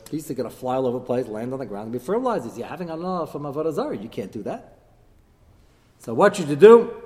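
A man's voice: medium pitch, a little mellow. Man lecturing on Talmud in a reverberant hall. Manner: question-and-answer teaching, weaving Hebrew terms into English. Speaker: rabbi giving a Torah class. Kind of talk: religious lecture, Talmud discourse. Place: large echoing room with listeners present.

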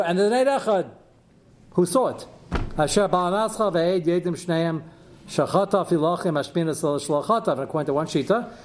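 A man's voice: high voice, darkish tone. A man teaching a religious law class informally, reading sources and arguing through questions and answers. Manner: argumentative, posing questions and answering them. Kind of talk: informal lecture, reading sources aloud and explaining. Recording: noticeable background noise, clicks.

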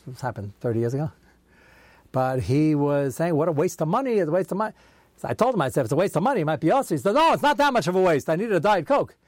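A man teaching a Talmud class, his voice sitting a little high for a man. He talks in an easy storytelling way, dropping Hebrew and Yiddish terms into his English. The sound is dry and close, with no room around it. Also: darkish tone, no echo. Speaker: Torah teacher.

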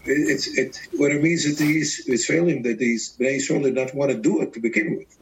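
A man in a Torah class asking a question, hesitant and halting. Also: mid-range voice, steady tone, a little hiss or hum, low-quality recording. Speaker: student.

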